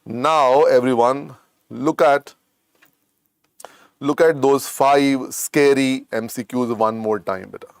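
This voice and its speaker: A man's voice: mid-range voice, takes it slowly, creaky, no echo, studio quality. A man with an Indian English accent giving a classroom lecture, repeating each point and coaxing students with "beta". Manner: repetitive, coaxing, keeps adding "beta" to drill points. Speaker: medical exam lecturer.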